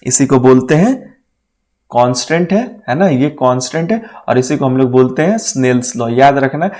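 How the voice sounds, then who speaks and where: A man teaches physics for an exam in a casual, animated way, dropping English terms into his Hindi and often checking in with "है ना?". His voice is mid-range and slightly mellow at a normal speed. He writes on a board as he talks during this exam-prep lecture.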